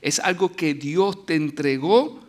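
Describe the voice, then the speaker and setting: A man's voice: on the high side, takes it slowly. A middle-aged man preaching a sermon as a guest speaker, telling stories in a conversational way with restarts and asides.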